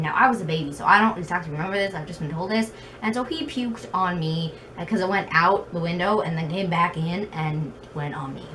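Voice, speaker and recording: This woman has a medium-pitched, fairly bright voice and a very slight lisp. She's a video blogger recording casual, chatty storytelling in her bedroom, rambling and poking fun at herself. The mic is far off, and a fan adds noise to the room.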